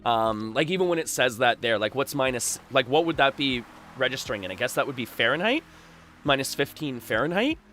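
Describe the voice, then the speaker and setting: Boisterous, chatty man livestreaming, lively pitch. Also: a little fast, slight background noise. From Canada. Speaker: live game streamer and host. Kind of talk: casual livestream chat with viewers. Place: small backyard shed used as a streaming room.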